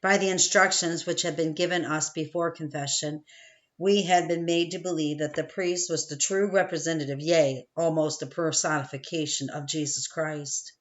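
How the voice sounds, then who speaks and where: A woman reading a first-person memoir audiobook in a steady, measured way. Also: low-pitched, dull audio. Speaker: audiobook narrator.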